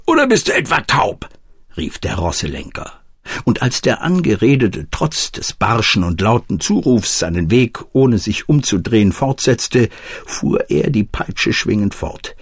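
A man reading a classic adventure novel aloud as audiobook narrator, in measured, steady scripted narration. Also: fairly low pitch, husky, no room sound, studio quality.

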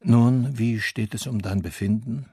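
A man's voice: medium pitch, unhurried, mellow, husky, dry recording, voice pushed up. A man voicing a stiff middle-aged official husband who speaks in a dry, mock-jocular tone, in a storybook reading.

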